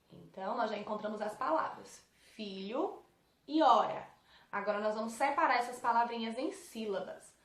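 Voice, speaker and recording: Brazilian Portuguese woman teacher taking young pupils through exercises, patient and questioning, a little high, recorded in a roomy space. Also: fairly bright tone. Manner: patient, asks pupils questions and answers them. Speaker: primary school teacher. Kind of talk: correcting homework for young pupils. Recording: echoey room.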